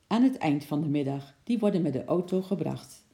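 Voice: mid-range voice, expressive, a little fast, mellow, close to an everyday voice. A reader voicing a cheerful father in a storybook, glad and matter-of-fact. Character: cheerful father running a zoo. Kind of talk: storybook reading.

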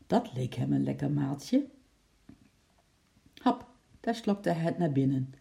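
A storyteller reading a children's story aloud in a lively, expressive way, with sound effects. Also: medium pitch, slow pace, vocal fry.

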